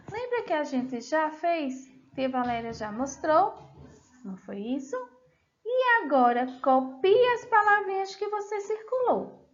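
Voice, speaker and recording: A Brazilian woman teacher with a Brazilian accent, slowly walking young children through a lesson in a sing-song way. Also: high-pitched, highs cut off. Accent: Brazilian Portuguese. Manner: slow, sing-song teacher talk, drawing out words. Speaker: first-grade teacher.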